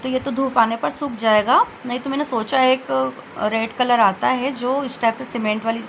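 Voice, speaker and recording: A woman in her forties chats her way through a home cleaning day in a loose, rambling voice-over. Her voice sits a little high, and she stops to fix her own words. Faint room ambience hums behind her. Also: steady tone, a bit bright, slight background noise, low-quality recording. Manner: chatty and rambling, with self-corrections and filler pauses. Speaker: home vlogger.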